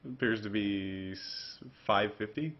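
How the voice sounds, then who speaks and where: A man's voice: on the low side, takes it slowly. A man doing casual play-by-play commentary on a video game, rambling and correcting himself with fillers. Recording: dull lo-fi audio.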